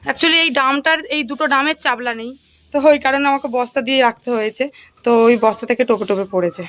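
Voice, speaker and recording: A young woman, chatting to her viewers in a casual family vlog at home and calming a child as she films on her phone. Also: sits high, quick pace. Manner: chatty, pointing things out to viewers, soothing a crying child. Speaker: family vlogger, mother.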